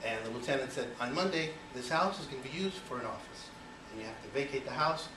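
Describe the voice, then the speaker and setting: Speaking fast with lively intonation in a mid-range voice, a Cuban-born man in his forties gives a personal icebreaker speech. His style is conversational, heavy on you-knows and rhetorical questions, and the audio is noisy and echoey, with the voice far away.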